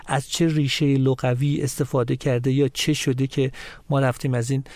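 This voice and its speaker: A man from Mashhad speaking as a guest on a talk show. His mid-pitched voice has a gravelly edge and sounds dry and close to the mic. He explains his points at length and reels off lists of places and words. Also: little pitch movement, a little mellow, dry recording. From Mashhad, Iran. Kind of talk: studio talk show discussion.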